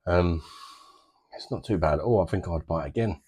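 A man's voice: deep voice, brisk, mellow, slight background noise. A man in his thirties with a British accent, casually reviewing a beer to camera from a small home bar, chatty and easygoing with plenty of fillers. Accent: British English.

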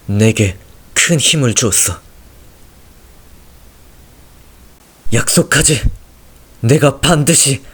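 A man playing a stoic, resolute military captain with terse, deadpan delivery, in an anime dub style. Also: on the low side, husky, heavily acted. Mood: solemn, resolute.

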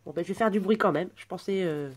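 A woman's voice: lowish voice, fast talker. Gushing woman in her twenties. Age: 20s. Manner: gushing, many soft exclamations. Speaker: vlogger unboxing a birthday gift. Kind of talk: casual unboxing chat.

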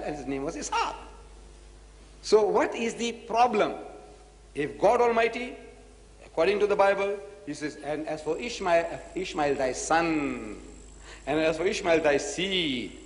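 A man preaching to an audience, emphatic and full of rhetorical questions and repeated phrases. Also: high voice. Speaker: Islamic preacher. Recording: echoey hall recording.

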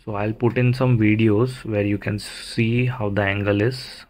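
A man giving a casual, unhurried how-to narration, explaining things plainly step by step. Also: fairly low pitch, fairly even intonation, a little mellow. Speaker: motovlogger, presenter.

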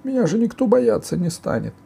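A man's voice: sits high, sing-song, fairly quick, vocal fry, mellow, breathy edge, pitched above the performer's own voice, heavily acted. A man voicing a whiny, cowardly male ogre in a storybook reading, squealing and pleading. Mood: whining.

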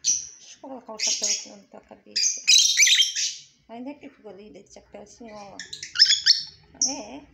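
A woman's voice: mid-range voice, normal speed, vocal fry, pauses often, very noisy. A woman talking to her pet bird, scolding it fondly in a doting pet-talk voice, with bird chirps behind her.

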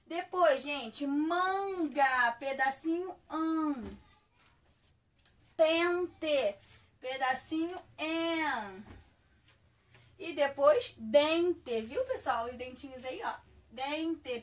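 Slow, high-voiced woman teaching small children. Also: distant mic. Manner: slow, drawn-out words for young children, checking "tá?". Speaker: primary school teacher. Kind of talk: remote class, reading workbook exercises.

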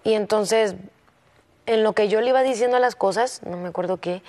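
A young woman speaks softly and haltingly as she confides in her teacher, often breaking off and starting a sentence again. Her pitch sits in the middle range for a woman. She sounds like a contestant opening up about something private. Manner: soft-spoken and hesitant, with many restarts. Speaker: singing competition contestant. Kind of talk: personal confession to a teacher.

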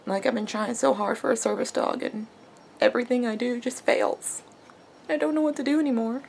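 A woman's voice: on the high side, fairly even intonation, brisk, creaky, darkish tone, slight background noise. Tearful young woman, crying as she talks. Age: young adult. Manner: dejected, heartbroken. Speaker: vlogger. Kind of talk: casual video diary. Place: small wood-paneled room at home.

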